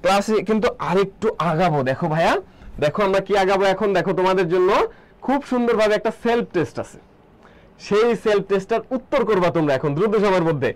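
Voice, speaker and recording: Man, high voice, live online lecture, quizzes students and answers himself, repeats key terms. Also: fast, poor audio. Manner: asks students questions and answers them himself; repeats key terms, reads out viewer comments. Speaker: admission coaching teacher.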